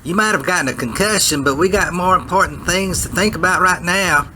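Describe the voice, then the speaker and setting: An actor playing a brisk, easily flustered military briefing officer in a 1950s sci-fi parody. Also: male voice, high-pitched, sharp tone, a little hiss or hum, full character voice.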